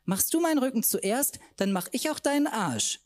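A man's voice: very high voice, animated, normal speed, no room sound, voice pushed up. A man voicing a boisterous, tipsy female drag queen friend, squealing and cheeky.

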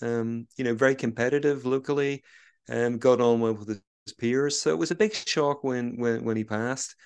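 A man hosts a casual podcast in an easygoing, slightly hesitant way, using plenty of fillers. His voice is smooth and clear at a middle pitch. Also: moderate pace. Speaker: podcast host.

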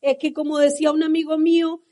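Speaking fast in a high voice, a Colombian-accented woman delivers a fiery, lively motivational speech to a crowd attending a business seminar.

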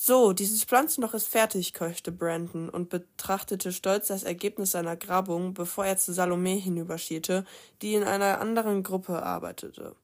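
A woman's voice: fairly low pitch, level tone, moderate pace. A woman reading a novel aloud in a casual way, stumbling over words and correcting herself. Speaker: reader.

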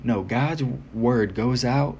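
A man's voice: mid-range voice, slow pace, darkish tone. Earnest man preaching informally, noisy recording. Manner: earnest, exhorting, repeats phrases for emphasis. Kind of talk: informal sermon to listeners. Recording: noticeable background noise.

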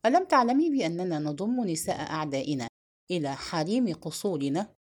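Woman narrator doing a young king, proud, wounded, curt and scornful; lively pitch. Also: brisk. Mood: guarded. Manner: stern, scornful retorts. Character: proud young king, lovesick and stung, turning bitter.

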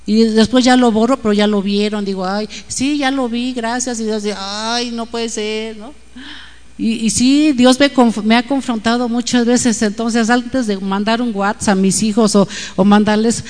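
A women's Bible teacher with a Mexican accent gives an informal, confiding devotional talk to women, chatty and often checking in with "¿no?" Her voice is a little high and a little mellow, with a long reverb tail.

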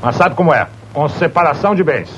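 A man's voice: fairly high pitch, lively intonation, a little fast, muffled recording, noisy background, natural voice. An actor playing a domineering, wealthy boss and father who mocks and orders around his employee. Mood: mocking. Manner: mocking, bossy, theatrical.

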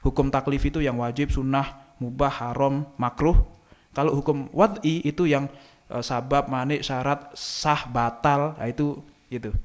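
A man teaching an Islamic lesson to a congregation, lively and conversational, posing questions and answering them himself. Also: mid-range voice, normal speed. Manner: lively, asks and answers his own questions, addresses listeners as "Pak". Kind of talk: religious lecture to a congregation. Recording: dull lo-fi sound.

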